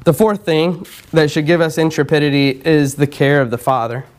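A man's voice: a little high, normal speed. Conversational male pastor preaching. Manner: conversational, repeats words, clears throat often. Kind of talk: sermon.

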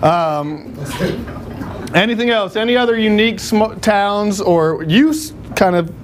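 A man's voice: high-pitched, measured pace, slight background noise. A man teaching a church class in a casual, joking, rambling way. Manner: joking, rambling, self-deprecating.

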